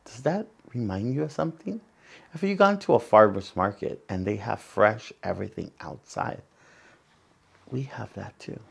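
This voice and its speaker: Seated before a wooden backdrop in an indoor room, this storytime host reads a picture book to children and explains things as he goes. He's a Salvadoran man in his forties from San Salvador, speaking at normal speed with a fairly low, gravelly voice and a breathy edge.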